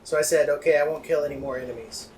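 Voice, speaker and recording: High-voiced sarcastic man in game chat. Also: fairly even intonation, fast, a little mellow. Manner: teasing, sarcastic. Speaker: let's play co-commentator. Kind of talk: casual gaming commentary.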